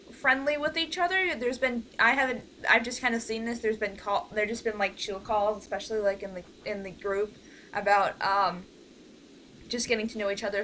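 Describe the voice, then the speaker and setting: Heard over a noisy amateur voice call, this director leads her voice cast's casual online meeting in a halting, meandering way, frequently letting sentences fade out. She sounds rather high-pitched, with a bright and forceful tone.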